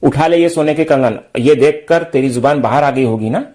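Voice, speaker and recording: Man reading out a proud scornful older lady, mellow low-key voice. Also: normal speed, lightly acted. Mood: defiant. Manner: haughty, scornful.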